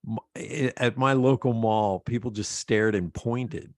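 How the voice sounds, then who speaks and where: A man's voice: mid-range voice, fairly even intonation, slow pace, dry recording, clean studio sound. A middle-aged man from Pennsylvania, a podcast guest telling rambling stories about his life and laughing often. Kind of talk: casual interview chat.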